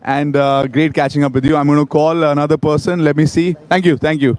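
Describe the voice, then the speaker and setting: A man with an Indian accent hosting a live event in an excited, informal, chatty way. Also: a little high, brisk, no room sound. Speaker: event host. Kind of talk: enthusiastic live event hosting, vox-pop interviews.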